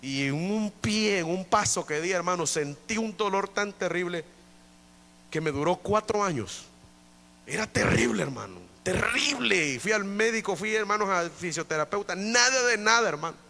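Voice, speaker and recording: Male pastor, high and bright voice, emphatic repetitive preaching in an echoing church. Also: creaky. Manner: emphatic preaching with many repetitions, often addressing listeners as brother. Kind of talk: evangelical sermon. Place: church during an evening service.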